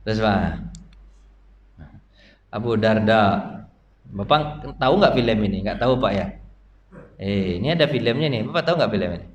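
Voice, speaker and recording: A man with a fairly low voice and lively intonation delivers a chatty dawn lecture as an Islamic preacher, moving at a moderate pace and pausing often. He constantly quizzes the audience and leans on humorous, down-to-earth examples. The lo-fi recording comes from an echoey mosque hall with faint background noise.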